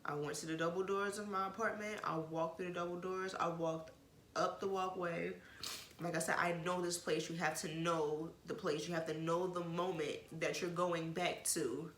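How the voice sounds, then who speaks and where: A woman's voice: fairly low pitch, fairly even intonation, moderate pace, fairly bright tone, slight background noise. A woman vlogger frankly telling an emotional personal story in casual talk, with plenty of swearing and rambling asides. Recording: roomy echo.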